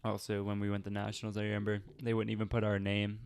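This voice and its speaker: A young man in his twenties chats casually on a podcast, rambling along with constant "like"s. His low voice is gravelly yet smooth and stays fairly flat. The recording is dry and close. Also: fast talker, no room sound. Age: 20s. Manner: rambling, heavy use of "like". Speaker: podcast co-host. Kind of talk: casual chat. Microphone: camera and mic, filmed podcast.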